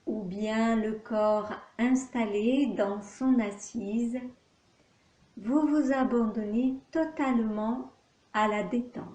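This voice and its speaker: A woman leads a yoga nidra session, guiding listeners through relaxation with calm, measured instructions and long pauses. Her voice is a little high, and the room sounds echoey.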